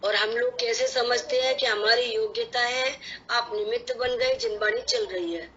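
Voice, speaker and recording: A woman's voice: fairly high pitch, steady tone, a bit bright. A woman student asking hesitant questions in a scripture study session, often humming agreement. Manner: slow, hesitant questions with many assenting hums. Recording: dull lo-fi recording with faint room noise.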